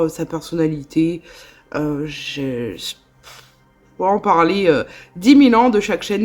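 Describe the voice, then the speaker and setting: A woman's voice: on the low side, darkish tone. A woman with a Northern French accent, chatting casually in a vlog, with lots of fillers and small laughs. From northern France. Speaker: vlogger.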